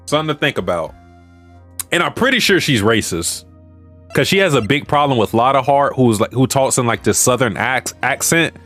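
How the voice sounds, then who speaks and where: A man's voice: mid-range voice, fairly bright tone. A man giving casual, blunt and crude commentary while playing a video game, with joking asides and stammered restarts. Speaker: let's play streamer.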